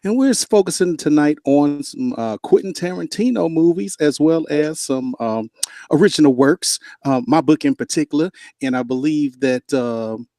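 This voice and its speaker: A man's voice: a little high, animated, normal speed, dark tone, no room sound. Playful man hosting a podcast, dry sound. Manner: playful, repeats "all right". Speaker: podcast host. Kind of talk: casual podcast chat.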